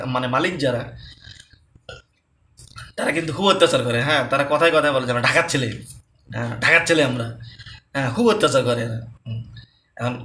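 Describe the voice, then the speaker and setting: A man with a bright, forceful voice that sits a little high for a man. He talks casually, going over his points again and again and checking in with the listener as he goes. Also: slight background noise. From Bangladesh. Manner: conversational, repeats points, tag questions. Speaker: lecturer. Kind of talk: casual personal talk.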